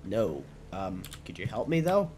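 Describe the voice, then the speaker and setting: A man giving casual, sweary gameplay commentary, thinking out loud as he plays. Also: low-pitched, very animated, a little slow, a little hiss or hum. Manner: musing aloud, sweary. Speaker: game streamer.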